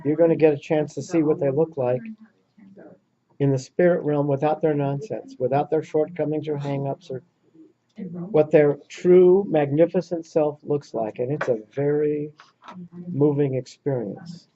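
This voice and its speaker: A man's voice: a little high, steady tone, a little slow, dark tone. Earnest storytelling man, muffled recording. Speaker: workshop leader. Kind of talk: speaking to a small audience.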